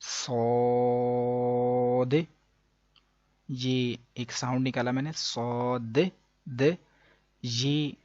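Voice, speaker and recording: A man teaching a Quran reading lesson. He explains each rule, then slowly drawls out the letter sounds for the listener. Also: mid-range voice, level tone, no echo. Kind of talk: step-by-step recitation lesson. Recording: dull dry lo-fi recording.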